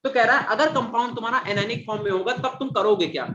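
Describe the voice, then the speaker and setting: Man teacher, fairly high voice, dull lo-fi classroom recording, repeats and quizzes students. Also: quick pace, pushed and bright, slight background noise. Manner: repeats and quizzes students, calls them "beta". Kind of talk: classroom chemistry lecture.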